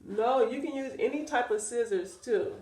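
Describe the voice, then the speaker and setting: Sinus trouble leaves this woman sounding congested and nasal as she casually talks her viewers through cutting and putting in a wig she sells. She speaks at a moderate pace in a fairly high, darkish voice, and the sound is roomy.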